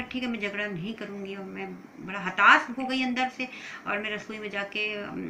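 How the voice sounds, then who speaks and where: Bright-voiced woman preaching a sermon. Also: medium pitch, a little hiss or hum, rough recording. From India. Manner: emotional preaching with rising emphatic bursts.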